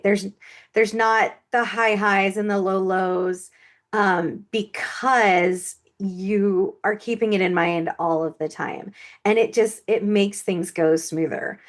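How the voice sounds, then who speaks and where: Woman co-host, frank and earnest, mid pitch, restarts her sentences. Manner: earnest, frank, repeats words as she thinks. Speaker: podcast co-host. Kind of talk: casual podcast chat.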